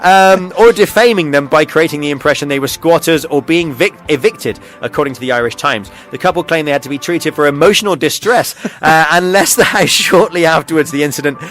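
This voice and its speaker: A man's voice: on the high side, fairly quick, hardly any pauses, a bit bright, soft background music. A man hosting a local radio show, reading out odd news stories in a casual, joking way with frequent chuckles and ums. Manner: chuckles often, lots of ums and uhs. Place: radio studio.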